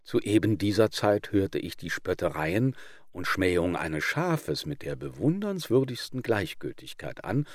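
A man's voice: sits low, sing-song, unhurried, no echo, clean studio sound, full character voice. A man voicing a dying old male wolf, solemn and self-justifying, in a spoken fable.

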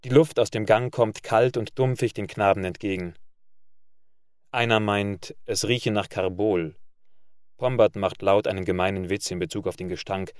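A man narrating a literary story in a measured reading voice. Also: fairly low pitch, fairly even intonation, no room sound, studio quality. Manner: measured reading, loud barked commands for characters.

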